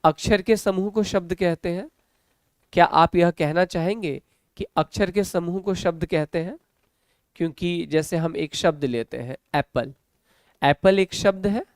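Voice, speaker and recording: An Indian man with a Hindi-speaking North Indian accent, teaching an English class online, asking questions and answering them himself, and sounding words out slowly. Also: high voice, dry recording, studio quality.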